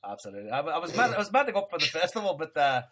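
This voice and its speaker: A man's voice: a little high, sing-song, rapid-fire, fairly bright tone. A man hosting a casual football podcast, full of jokey, sweary banter. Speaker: podcast host.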